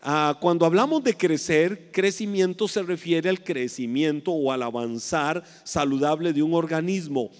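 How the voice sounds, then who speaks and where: Male preacher, high voice, earnest sermon delivery, long hall echo. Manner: earnest, slows down to stress key phrases.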